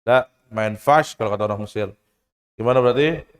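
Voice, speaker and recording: A man's voice: lowish voice, a little fast. A man teaching Quran recitation, asking the class questions, demonstrating sounds, adding casual jokes. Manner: casual, joking asides. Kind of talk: tajwid lesson to students. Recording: echoey hall with long reverb.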